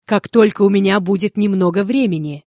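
A woman repeating example sentences calmly and carefully for a language course. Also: mid-range voice, fairly quick, no echo. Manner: calm, careful enunciation. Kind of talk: scripted phrase reading.

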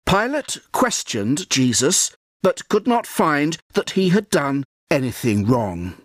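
A man narrating a scripted storybook in a measured, solemn way. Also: high-pitched, very animated, a bit bright, dry recording, studio quality.

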